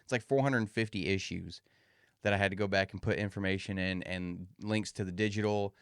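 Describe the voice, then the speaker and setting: A man's voice: deep voice, fairly even intonation, a little fast, smooth, no echo, studio quality. A man hosting a solo podcast in an informal, folksy way, talking to listeners with a slightly muffled, swollen-mouth sound. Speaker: podcast host.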